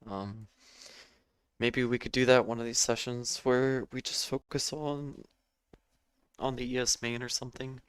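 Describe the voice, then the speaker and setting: A man with a hoarse, failing voice giving halting live trading commentary as host of a stream. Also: medium pitch, flat delivery, dry recording. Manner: halting, with fillers and throat clearing. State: hoarse, losing his voice. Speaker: day trading livestream host.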